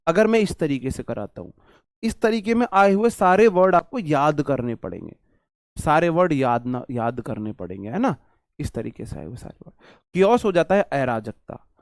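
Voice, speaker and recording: A young man teaches English words in a loose, joking classroom manner. He repeats his lines for emphasis and throws questions at his students. His voice sits a little high and the sound is dry and close, with no room echo. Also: sing-song, moderate pace. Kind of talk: casual classroom lecture.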